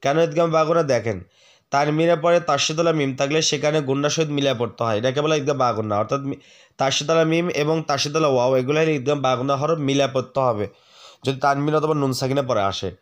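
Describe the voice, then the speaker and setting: Guy teaching quran reading rules, mid-pitched voice, goes over each letter real patient and has you say it back. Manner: patient, repeats each rule, asks the viewer questions, then recites slowly. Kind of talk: tajweed lesson, spelling out letters and drawn-out recitation.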